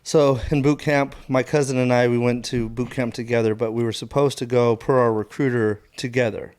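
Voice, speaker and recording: A laid-back man spinning a casual story on a podcast, swearing freely and chuckling as he talks. His voice sits at an ordinary middle pitch. He is a Marine veteran guest. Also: steady tone, a little fast, a little mellow.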